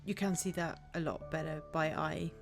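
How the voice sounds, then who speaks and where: A woman's voice: low-pitched, fairly even intonation, normal speed, gravelly, over music. A woman chatting casually and enthusiastically as she narrates a country walk for a vlog. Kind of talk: casual chat.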